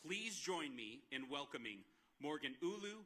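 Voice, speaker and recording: A man's voice: fairly high pitch, unhurried, breathy edge. A man, a university president, giving a commencement speech, earnest as he lists his thanks. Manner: earnest, listing thanks at a steady clip. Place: outdoor graduation ceremony over a PA.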